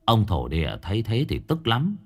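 Animated male ghost-story narrator. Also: on the low side, normal speed, soft background music.

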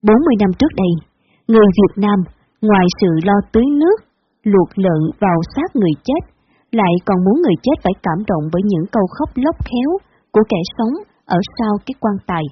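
A woman narrating a story in a measured storytelling manner, with a husky voice. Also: mid-range voice, expressive. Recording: dull lo-fi recording.

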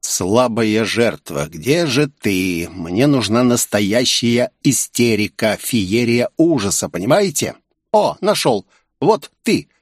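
A man's voice: medium pitch, sing-song, slow, no echo, studio quality. A man voicing a scheming, ruthless male terrorist leader who sneers and barks orders in an audiobook. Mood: mocking. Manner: sneering and commanding.

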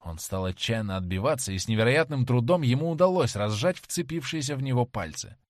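A man's voice: medium pitch, a little fast, no echo, clean studio sound. Dramatic male audiobook narrator. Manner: dramatic, lively storytelling.

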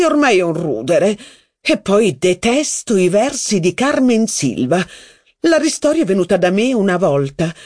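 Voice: mid-range voice, a little mellow, no echo, studio quality, pitched above the performer's own voice, close to an everyday voice. A reader putting on a mocking aristocratic duchess. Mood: haughty. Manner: mocking, theatrical, exclamatory. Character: haughty, witty aristocratic duchess. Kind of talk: audiobook reading.

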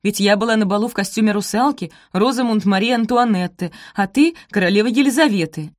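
A woman voicing a kind, chattering young daughter who worries over her mother, in a higher voice than her narration. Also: quick pace, no room sound, studio quality, close to an everyday voice. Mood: eager, worried. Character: kind, eager teenage daughter, naive and chatty.

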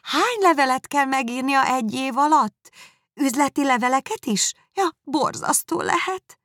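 A woman reading aloud, voicing a fawning young society lady who gushes with flattery. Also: dry recording, clean studio sound. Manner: fawning, effusive, shrill.

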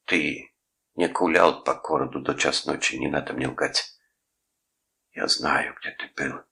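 A man's voice: rumbling low, fairly even intonation, vocal fry, pushed and bright, full character voice. A man playing a pompous preachy uncle. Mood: reproachful. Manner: preachy, lecturing, drawn-out phrases. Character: pompous sanctimonious middle-aged uncle, menacing.

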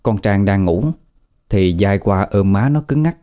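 A man narrating a ghost story in a steady storytelling manner. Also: fairly low pitch, unhurried, clean tone.

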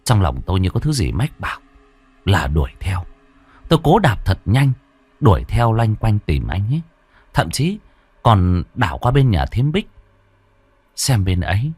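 A man's voice: lowish voice, sing-song, a little slow, pauses often, darkish tone, breathy edge, no echo. A man narrating a ghost story in a dramatic, suspenseful way.

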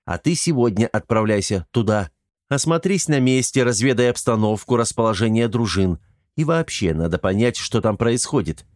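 Man voicing an exasperated young lord, low and curt, dry audiobook sound. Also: animated, moderate pace, dry recording, natural voice. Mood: commanding. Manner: brusque, exasperated, commanding. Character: irritable young lord commanding his men.

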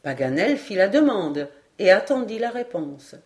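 A woman narrating a classic adventure novel as an audiobook reader, clear and measured. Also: medium pitch, sing-song, a little mellow.

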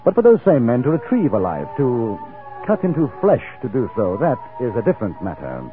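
An actor with an English accent narrating and playing a cool-headed, urbane gentleman adventurer in a 1950s radio drama, polished and dry. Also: medium pitch, huge pitch swings, brisk. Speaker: narrator and lead. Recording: narrow-band 1950s radio broadcast with music.

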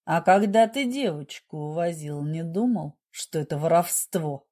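A woman voicing a smug, menacing middle-aged businessman who speaks with low, slow, mock-gentle condescension. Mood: harsh. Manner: condescending, turns harsh.

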